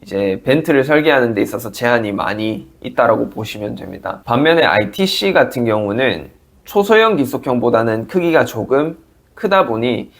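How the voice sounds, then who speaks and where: Man, audiologist, mid pitch, calm, polite, explanatory lesson. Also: moderate pace. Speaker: audiologist and hearing center director.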